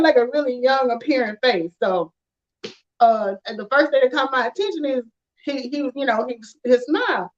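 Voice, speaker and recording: A woman, telling stories in an animated, casual chat with frequent laughter. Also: high voice. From rural Alabama, USA. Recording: dull lo-fi sound.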